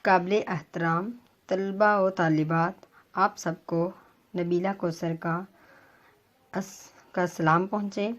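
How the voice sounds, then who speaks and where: A woman teacher giving a pronunciation lesson to students, reading words slowly and spelling out their vowel marks with frequent hesitations. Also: lowish voice, steady tone, dull audio. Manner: careful, formal delivery with frequent hesitations. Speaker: Urdu teacher.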